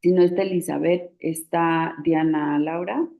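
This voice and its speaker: A woman's voice: low-pitched, steady tone, measured pace, gravelly, dark tone. Patient woman teacher on a video call. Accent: Mexican Spanish. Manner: patient, explains step by step with many fillers. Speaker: writing instructor. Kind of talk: online class teaching spelling rules.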